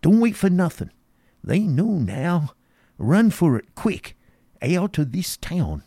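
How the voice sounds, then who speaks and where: A man's voice: sits high, sing-song, slow pace, dark tone, husky, no echo, clean studio sound, exaggerated voice. A man reading aloud, voicing a terrified, rambling old man who rants in a rustic dialect. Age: older. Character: wild-eyed terrified old male drunkard. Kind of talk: dramatic reading.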